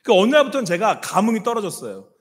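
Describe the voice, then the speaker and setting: A middle-aged man preaches with fervor in a high, lively voice that rises and falls widely. His tone is a little husky, and every phrase rings out into the long reverb of a church sanctuary. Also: fast talker. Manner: impassioned preaching, dropping to soft hushed quotes of God. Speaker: senior pastor. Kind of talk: sermon.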